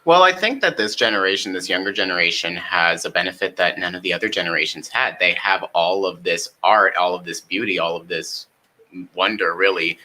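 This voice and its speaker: A man who is a comedian, a guest on a talk show, playful and quick with jokes. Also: low voice, pushed and bright, low-quality recording. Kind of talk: casual chat.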